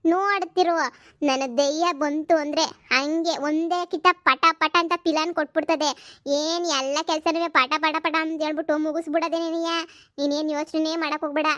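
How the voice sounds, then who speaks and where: A woman's voice: sits high, steady tone, normal speed, a bit bright, dry recording, studio quality. A woman playing a bossy older village aunt. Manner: scolding, confident, rustic.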